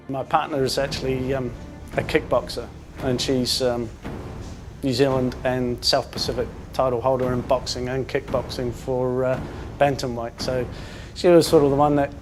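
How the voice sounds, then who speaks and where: A man born in England talking casually about himself as an amateur boxer, hesitant, with many pauses and fillers. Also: mid-range voice, little pitch movement. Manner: hesitant, many ums and uhs. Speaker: amateur boxer in a charity fight. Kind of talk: casual interview talk. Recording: music playing underneath.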